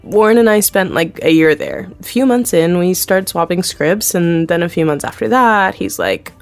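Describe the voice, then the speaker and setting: She's an actress in her thirties portraying a chatty, candid TV executive producer who laughs easily and brushes off her achievements during a scripted interview. The voice is fairly low and expressive at normal speed, with faint music underneath.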